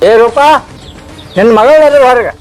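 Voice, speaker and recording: Blunt old grandfather played by a man, North Karnataka accent, very high voice. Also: normal speed, soft background music. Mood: confronting. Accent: North Karnataka Kannada. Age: older. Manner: blunt, confronting. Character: stern outspoken old grandfather. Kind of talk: village skit acting.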